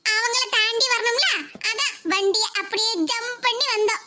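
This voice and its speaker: A woman's voice: very high voice, steady tone, normal speed, noisy background. A woman voicing a chatty, playful young daughter-in-law with a Kanyakumari Tamil accent, in a cartoon.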